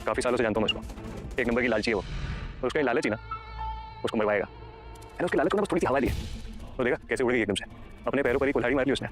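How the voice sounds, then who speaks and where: A man's voice: medium pitch, rapid-fire, long pauses, natural voice. An actor playing a smug, vengeful husband plotting against his wife in a melodramatic drama. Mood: gloating. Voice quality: smug, gloating. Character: scheming vengeful husband, middle-aged villain. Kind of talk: melodramatic web-series acting. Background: background music.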